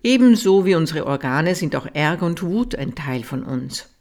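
A calm reader giving a measured audiobook reading of a Buddhist teaching text, softening at key sentences. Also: medium pitch.

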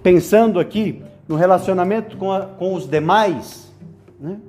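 High-pitched man giving a chatty meditation. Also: measured pace, darkish tone, faint music behind. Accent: Brazilian Portuguese. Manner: conversational, frequent "né?" tags, playful asides. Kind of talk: spoken meditation for young men.

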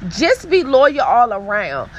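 A woman's voice: a little high, huge pitch swings, takes it slowly, a little hiss or hum, low-quality recording. A woman hosting a casual gossip show, chatty, sassy and emphatic. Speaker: host.

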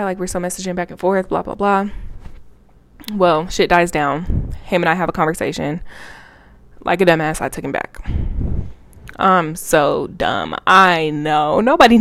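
A woman's voice: on the low side, normal speed, a bit bright, no echo. A woman in her twenties telling a personal story to camera in a blunt, profane, laughing way. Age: 20s. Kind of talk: casual storytime vlog.

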